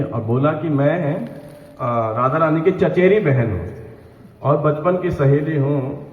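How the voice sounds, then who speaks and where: A man with a somewhat high voice narrates a devotional story to pilgrims, checking in with his listeners as he goes. The recording rings with a long hall reverb and sounds tinny and phone-like. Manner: narrates devotional stories with quoted dialogue, frequent "है ना?". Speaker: pilgrimage guide. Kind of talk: storytelling lecture. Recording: echoey hall over a tinny phone-like line.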